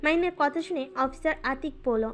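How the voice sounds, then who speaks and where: A woman doing scripted narration of a romance audio story in a smooth, even storytelling manner. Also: sits high, normal speed, soft background music.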